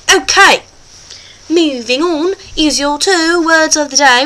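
A woman plays a boastful, goofy British male show host, using an exaggerated British accent in a high-sitting voice. She presents a comic vlog in a hammy, excitable, rambling way.

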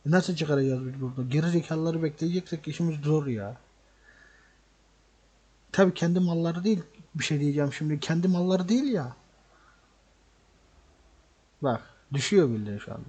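Fuming husky gaming host ranting. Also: male voice, fairly high pitch, a little mellow. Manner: angry ranting, swears often, repeats himself. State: frustrated. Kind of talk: role-play gameplay commentary.

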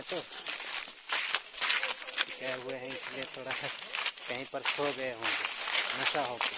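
Slow-talking young man vlogging a night forest. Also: mid-range voice, very noisy. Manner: slow, chatty, laughing asides to viewers. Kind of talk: casual vlog narration. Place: dark forest at night, outdoors. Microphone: handheld phone camera.

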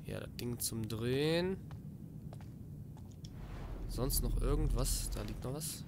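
A man's voice: medium pitch, slow, noisy background. A man giving casual let's play commentary, talking to himself, getting jumpy and swearing, sometimes reading in-game notes aloud.

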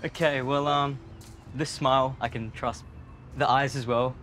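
A man's voice: mid-range voice, flat delivery, unhurried, fairly bright tone, faint music behind. A young man volunteering for a street experiment, answering casually in an easygoing, agreeable way, outdoors and on a bus. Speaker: volunteer interviewee. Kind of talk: casual on-the-spot reply. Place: outdoors at a beach and inside a bus.

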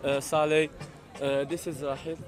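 A man's voice: a little high, level tone, moderate pace, a crowd in the background. An eighteen-year-old man from Morocco, speaking hesitantly with many fillers, outdoors by a bus. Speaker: basketball player.

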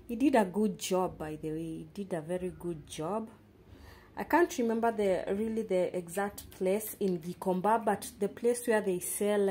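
A woman's voice: mid-range voice, dark tone, slight background noise. A young Kenyan woman giving a casual tour of her small studio apartment, chatting with many fillers while filming on her phone. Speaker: vlogger. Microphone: handheld phone camera, speaker off screen.

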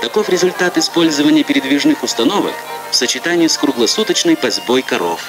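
Animated old Soviet newsreel man. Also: on the high side, fast. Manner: solemn, declamatory. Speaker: newsreel narrator. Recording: old 1960s film soundtrack with music. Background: music.

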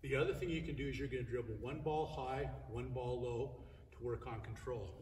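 This is an instructional demonstration in a cavernous gym: an older coach talks through drills at a fairly quick clip, his medium-pitched voice fairly even and a little mellow. There's a little hiss or hum, the ball keeps bouncing, and the distant camera mic picks up plenty of echo as he repeats points and raises his voice while dribbling.

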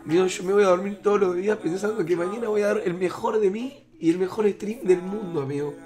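Emotional high-voiced Argentine streamer. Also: male voice, fast talker, darkish tone, faint music behind. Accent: Rioplatense Argentine. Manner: emotional, repetitive, keeps saying "amigo" and "boludo". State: holding back tears. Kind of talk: heartfelt talk to viewers.

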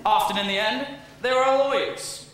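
A man's voice: high voice, very animated, normal speed, a crowd in the background. A young man playing a wistful middle-aged theatre fan who talks wryly to the audience on a stage musical. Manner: chatty, wry asides to the audience. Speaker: Man in Chair. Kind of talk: student stage musical acting. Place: school auditorium stage. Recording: echoey auditorium, audience noise.

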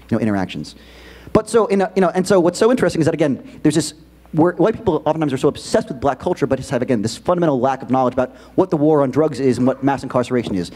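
A man gives a keynote to a school audience, his voice rising and falling in a lively way. He talks quickly and casually, with many fillers and restarts. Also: mid-range voice. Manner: animated, quick conversational delivery with many fillers. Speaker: keynote presenter. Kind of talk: keynote talk to students. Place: school auditorium.

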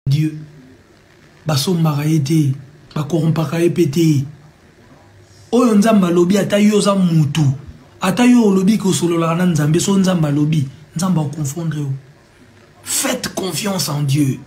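A man's voice: on the high side, fairly even intonation, moderate pace, long pauses, dark tone. A gospel singer, a man, making a solemn, preaching statement. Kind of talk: earnest statement.

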